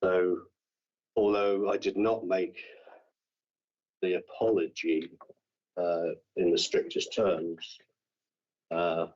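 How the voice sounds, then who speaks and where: A man with a very deep, husky voice gives halting testimony at a formal hearing. He stumbles and repeats words as he explains himself. The sound is dull and lo-fi. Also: flat delivery, a little mellow. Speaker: councillor under investigation. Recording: dull lo-fi meeting room audio.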